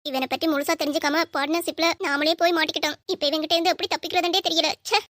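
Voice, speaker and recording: A woman's voice: high voice, fairly even intonation, racing, a bit bright, no echo, studio quality. A woman playing a proud, defiant young businesswoman in an audio drama, talking indignantly and commandingly.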